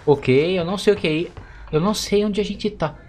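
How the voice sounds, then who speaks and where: A man from Brazil giving excitable, chatty let's play commentary to his viewers. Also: high voice, fairly quick, slight background noise. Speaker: gaming YouTuber.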